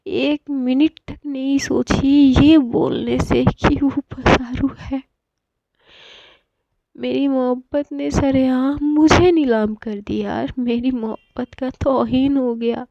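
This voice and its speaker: A woman's voice: high-pitched, fairly even intonation, slow, creaky, mellow, no room sound, heavily acted. A woman voicing a heartbroken young woman who speaks in raised, tearful outbursts in a storybook reading. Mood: anguished. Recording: dull lo-fi dry recording.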